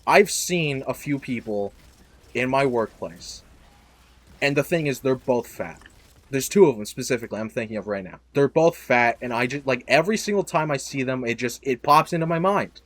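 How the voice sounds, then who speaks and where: Young male podcast host, rambling, self-deprecating, prone to loud outbursts. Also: medium pitch, animated, normal speed, no echo. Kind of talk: casual chat.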